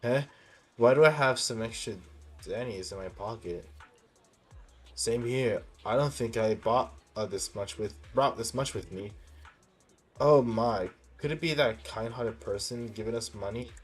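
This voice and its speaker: A man's voice: mid-range voice, husky, faint music behind. A man reading a video game's story dialogue aloud, stumbling now and then and correcting himself. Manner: halting reading with misreadings corrected. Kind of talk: reading game story text aloud with reactions.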